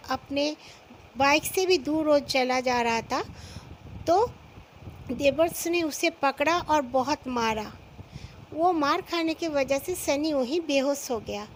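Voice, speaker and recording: A woman narrating a listener's ghost story in an unhurried storytelling manner, acting out short quoted lines as she goes. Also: sits high, a little hiss or hum, poor audio.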